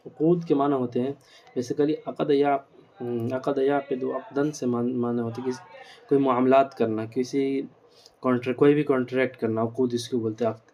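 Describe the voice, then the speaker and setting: Man teaching grammar, dark and flat. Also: mid-range voice, muffled recording, a little hiss or hum. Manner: explains slowly with repeated rhetorical questions; mixes in English words. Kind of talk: grammar lecture.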